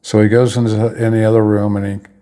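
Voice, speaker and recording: A man with a lowish, mellow voice tells a personal story quickly and in an even tone. He rambles casually, often restarting and correcting himself mid-sentence.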